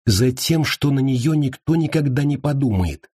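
A man reading an audiobook voices a cruel woman priestess who speaks calmly and coolly. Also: medium pitch, moderate pace, husky, dry recording, studio quality, voice pushed up. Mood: calm, cold. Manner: calm, cool, matter-of-fact.

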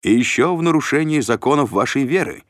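A man's voice: medium pitch, expressive, fairly quick, no echo, clean studio sound, pitched above the performer's own voice, close to an everyday voice. A man voicing a male guard commander who speaks formally, courteous yet firm, in an audiobook reading.

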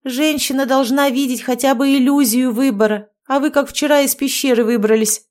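A woman's voice: high voice, fairly even intonation, moderate pace, darkish tone, voice pushed up, lightly acted. A woman reading an audiobook, voicing a blunt, exasperated young woman who scolds. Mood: scolding.

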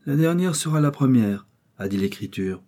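A man's voice: mid-range voice, expressive, normal speed, pitched above the performer's own voice, lightly acted. A man voicing an old, wealthy squire, curt with his servants and tender when alone, in a storybook reading. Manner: sharp with servants, tender in private. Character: grieving old man, wealthy master of a manor.

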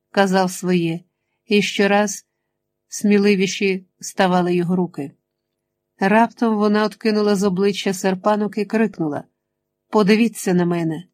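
A woman narrating an adventure audiobook in a steady, measured reading voice. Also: medium pitch. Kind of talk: scripted narration.

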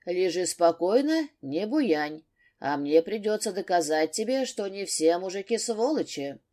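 A woman narrator voicing a gruff but tender husband who mutters in a low voice. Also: sing-song, measured pace, warm tone.

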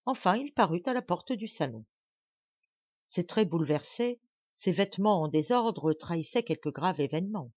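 A woman reading a classic novel aloud as an audiobook in calm, even storytelling. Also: lowish voice, moderate pace, no echo, dull audio. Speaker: audiobook reader. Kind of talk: scripted narration of a classic novel.

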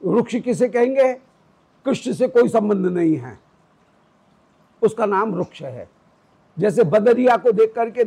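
A man's voice: high voice, warm tone, husky, rough recording. A man giving a devotional scripture discourse, explaining Vedic pronunciation step by step. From South India roots. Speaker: religious teacher.

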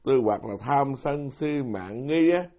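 A monk preaching to a live audience in a hall. He is a middle-aged man at a middle pitch, chatty and self-deprecating. He keeps turning to ask his listeners questions. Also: expressive, slow pace, warm tone, faint music behind. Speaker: Buddhist monk giving a dharma talk. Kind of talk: sermon.

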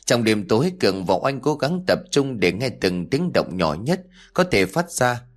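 A man narrating a horror audiobook in a steady, measured reading voice. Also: mid-range voice. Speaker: storyteller.

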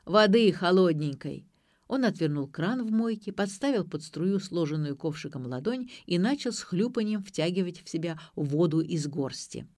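A woman with a lowish voice reads a detective audiobook in an even, measured way. The recording is dry and close, with no room sound. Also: no room sound. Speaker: audiobook narrator. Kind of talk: scripted narration.

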